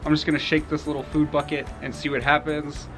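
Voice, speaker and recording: A young man casually telling a story about his homestead, animated and laughing at times. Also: a little high, fast talker, faint music behind. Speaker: homestead vlogger.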